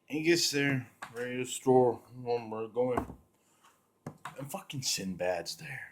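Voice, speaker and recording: A man's voice: medium pitch, animated, slow pace, a little hiss or hum. A man casually reviewing a film while drinking, rambling and swearing with lots of fillers. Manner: rambling, profane, full of fillers. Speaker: movie reviewer.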